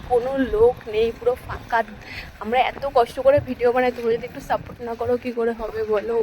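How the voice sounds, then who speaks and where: A young woman talks to her viewers as she walks through sunny streets. Her voice sits high and chatty, and she keeps turning to the camera. The phone recording is noisy, with traffic and street sounds behind her. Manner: chatty, addressing viewers directly. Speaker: vlogger. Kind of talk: casual outdoor vlog chat.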